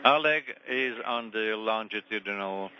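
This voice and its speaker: Guy on a staticky space radio communicator, short clipped calls, slow, kinda muffled. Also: on the low side. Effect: crackly space radio communicator link.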